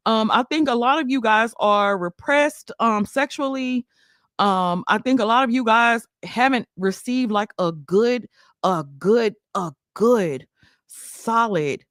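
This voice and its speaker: A woman's voice: mid-range voice, dry recording, clean studio sound. A woman, hosting a casual commentary stream, sassy and laughing, firing off emphatic rhetorical questions.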